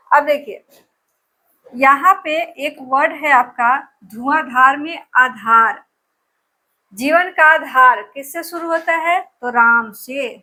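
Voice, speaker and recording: A woman's voice: sits high, bright, forceful tone. A woman teacher giving an exam-prep lesson, drilling place names with memory tricks and repeating each answer over and over.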